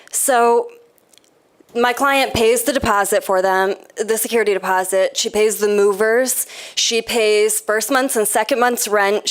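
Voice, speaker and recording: A woman speaking at a city meeting's public comment, telling a story in a pointed, indignant way. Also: mid-range voice. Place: city commission chamber.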